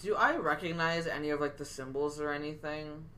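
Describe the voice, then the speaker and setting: Higher-voiced playful male player. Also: brisk, pushed and bright. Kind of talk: casual tabletop game chat.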